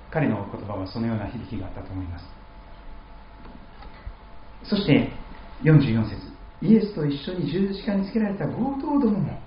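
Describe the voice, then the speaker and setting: A man's voice: mid-range voice, reverberant, muffled recording, slight background noise. A man preaching a sermon as pastor, reading scripture and acting out quoted speech with feeling. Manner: dramatic voicing of quoted speech. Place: church hall.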